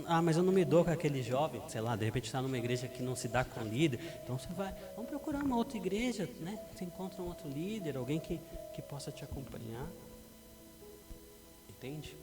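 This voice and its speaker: A middle-aged Brazilian man preaching a sermon as pastor, lively and acting out parents and teens in a church hall. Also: a little high. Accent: Brazilian Portuguese. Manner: animated, acts out parents and teens. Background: background music.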